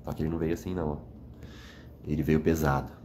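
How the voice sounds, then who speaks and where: A man's voice: extremely low pitch, little pitch movement, fast talker, warm tone, slight background noise. A man talking in an emotional, reflective monologue to the camera, earnest and rambling, tagging his sentences with little questions and sounding worn out after crying. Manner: earnest, rambling, frequent "né?" tags. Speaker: vlogger. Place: indoors, at night.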